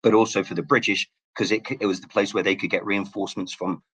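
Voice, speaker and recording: A man's voice: lowish voice, steady tone, fairly bright tone, husky. A man from Hong Kong, a guest telling stories in a casual interview, often restarting his words. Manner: rapid, with frequent word restarts. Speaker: guest, local relic hunter.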